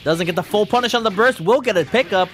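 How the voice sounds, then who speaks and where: A man giving live play-by-play commentary on a fighting game tournament, calling moves quickly with bursts of excitement. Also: high-pitched. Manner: fast play-by-play, bursts of excitement at big moments.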